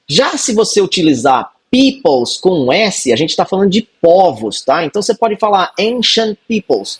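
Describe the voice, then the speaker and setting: A man from Brazil hosting a casual video lesson, teaching English and repeating words slowly to model their pronunciation. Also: high voice, breathy edge. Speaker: English teacher, channel host.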